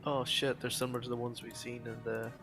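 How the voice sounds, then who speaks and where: A man's voice: mid-range voice, flat delivery, fast talker. A man chatting casually as a player in a tabletop role-playing game. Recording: clear music behind the voice.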